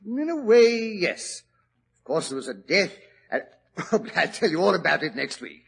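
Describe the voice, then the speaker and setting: An actor playing Doctor Watson, a genial older companion telling the story afterward in a chatty way, in a 1940s radio drama. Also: male voice, high-pitched, very animated, normal speed, vocal fry, full character voice.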